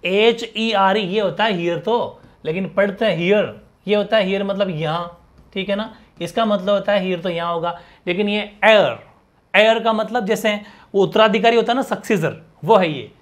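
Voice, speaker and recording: High-voiced male teacher quizzing students. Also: moderate pace. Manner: explains with many rhetorical questions and repeated sounds. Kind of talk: exam-prep grammar lesson.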